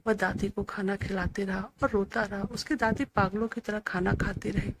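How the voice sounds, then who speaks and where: A woman narrating a scripted, emotional family story in a steady reading voice. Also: mid-range voice, moderate pace, background noise.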